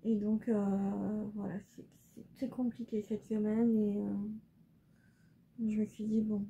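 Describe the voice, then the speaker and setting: A young woman speaks slowly and hesitantly as she does her makeup at home, her soft, mellow voice broken by frequent pauses and fillers. The recording is a little dull, with faint room ambience behind her. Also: medium pitch, flat delivery, gravelly, husky. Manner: hesitant, halting, many fillers; soft and subdued. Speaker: beauty vlogger. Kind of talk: casual chat while doing makeup.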